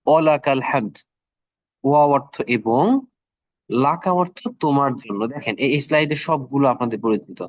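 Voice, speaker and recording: A middle-aged man teaching an online class, who speaks slowly and repeats words so the listeners can practise. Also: fairly high pitch, no echo, clean studio sound.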